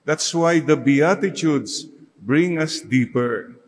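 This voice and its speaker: Filipino man, priest, sermon, measured unhurried delivery, church reverb trailing after the words. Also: a little high, expressive, a little hiss or hum. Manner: slow, mixes Tagalog and English, leads the congregation in call-and-response.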